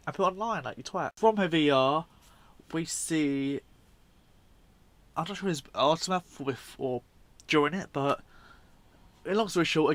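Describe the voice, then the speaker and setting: A video host with a higher, fairly bright male voice offers casual, unscripted commentary on video clips, rambling informally and often correcting himself. The recording has no echo.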